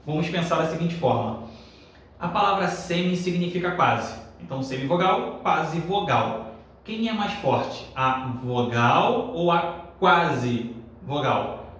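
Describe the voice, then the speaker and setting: A man teaching a grammar lesson, lively, asking the class questions and answering them. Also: a little high, slow pace. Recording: echoey room, a bit far from the mic, faint noise.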